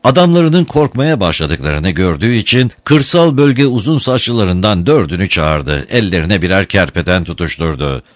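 A man reading a story aloud in an expressive, dramatic manner. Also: sits low, normal speed, hardly any pauses, dry recording. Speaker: narrator. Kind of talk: audiobook narration.

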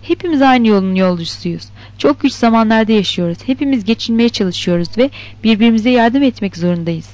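A woman reading the lines of a smooth-talking, patronizing male grower's agent in a novel, in a preachy, placating manner. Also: a little high, lively intonation, a little fast, few pauses, a little mellow, lightly acted. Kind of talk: scripted narration of a novel. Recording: dull lo-fi recording.

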